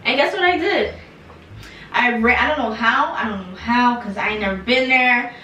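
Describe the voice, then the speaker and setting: A woman's voice: a little high, moderate pace, a little hiss or hum. Chatty young woman in an echoey room. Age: young adult. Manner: animated, slangy, lots of fillers. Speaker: vlogger. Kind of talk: casual storytime. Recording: echoey room, mic some distance off.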